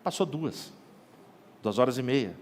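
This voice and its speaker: A man's voice: mid-range voice, lively intonation, a little slow, slight background noise. A man, a pastor preaching an online sermon in a colloquial way and acting out the dialogue in his stories.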